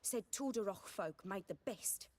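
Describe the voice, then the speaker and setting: A woman's voice: medium pitch, expressive, unhurried, a little mellow. An actress playing a blunt, outspoken young woman who helps at a forge, in video game dialogue. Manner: blunt, matter-of-fact. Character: stubborn, outspoken young woman, blacksmith's helper.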